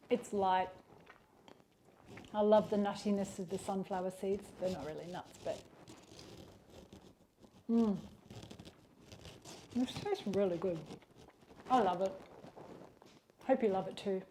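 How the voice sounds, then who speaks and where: A woman's voice: medium pitch, measured pace, long pauses, warm tone, slight background noise. Chatty woman hosting a home baking tutorial. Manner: chatty and encouraging, talks while eating. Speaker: home baking channel host. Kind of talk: casual cooking tutorial.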